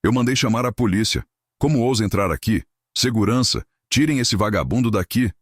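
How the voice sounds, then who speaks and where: A man voicing a panicked, desperate male wedding planner with a shrill voice. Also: steady tone, normal speed, no echo, clean studio sound. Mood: shrill anger.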